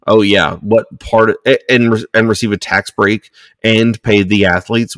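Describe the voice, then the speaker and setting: A low-pitched man rants on a casual podcast. He swears freely and talks in heated bursts. The sound is dry and close. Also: a bit bright, dry recording. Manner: profane, heated, ranting. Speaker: podcast co-host.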